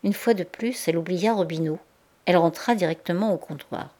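A woman reading a classic novel aloud in a measured, expressive way. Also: fairly low pitch. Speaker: audiobook reader.

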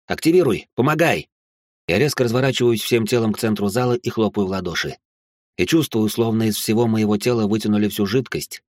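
A man narrating a first-person audiobook in a steady, tense way. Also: fairly low pitch, no room sound, studio quality.

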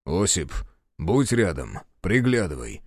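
A man's voice: low voice, big pitch swings, slow, dry recording, studio quality, pitched below the performer's own voice, exaggerated voice. A man doing a stern, weighty commander. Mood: calm. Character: stern forceful commander of rangers, grown man. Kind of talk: audiobook character voice.

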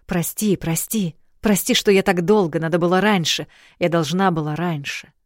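A woman reading an audiobook, voicing a fragile young princess who is sweet, anxious and chatty, her lines high and gushing. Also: fairly even intonation, moderate pace, no echo, studio quality, natural voice. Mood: apologetic. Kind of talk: audiobook character voice.

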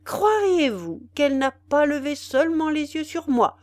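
A woman's voice: sits high, big pitch swings, normal speed, a little mellow, no echo, studio quality, voice pushed up. Woman doing a vain chattering young officer. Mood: boastful chatter. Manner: chattering, boastful.

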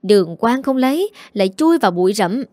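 A woman voicing a proud, domineering older mother who scolds in rapid, shrill tirades. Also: very animated, dark tone, no echo, clean studio sound. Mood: furious scolding.

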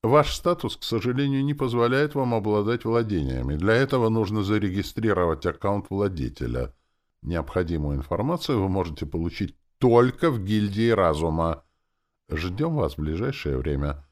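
A man's voice: fairly low pitch, animated, normal speed, pitched above the performer's own voice, close to an everyday voice. A man doing a formal magic system announcer. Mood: announcing.

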